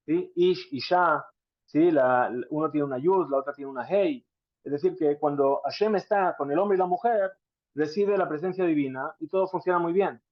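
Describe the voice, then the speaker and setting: Male Talmud teacher, slightly high voice, questioning style, dry muffled recording. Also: moderate pace, dry recording. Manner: rhetorical questions, explains Hebrew terms. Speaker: Torah teacher. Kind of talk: Talmud class lecture. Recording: dry, dull lo-fi sound.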